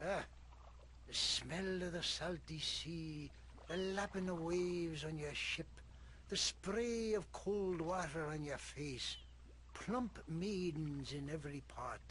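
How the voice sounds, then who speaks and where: An actor playing a gruff old fisherman in a video game, a grumpy storyteller with rustic sailor speech and a soft, relaxing voice. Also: on the high side, takes it slowly, slight background noise. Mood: wistful, yarning. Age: older. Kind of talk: video game character acting.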